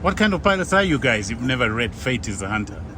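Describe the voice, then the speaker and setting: A man's voice: medium pitch, sing-song, quick pace. A man working as a training captain, chatting and teasing his crew on an airliner flight deck. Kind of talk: casual cockpit chat. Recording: loud engine and cockpit noise.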